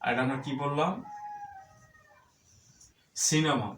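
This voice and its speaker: A male English teacher with a Bangladeshi accent, slowly and deliberately spelling out letters and sounds in a spoken English pronunciation lesson. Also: on the high side, a bit bright, a little hiss or hum. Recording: echoey room, voice distant from the mic.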